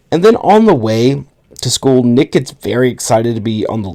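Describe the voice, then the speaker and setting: Young male podcast co-host, lively pitch, sarcastic plot recapper. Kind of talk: casual movie review chat.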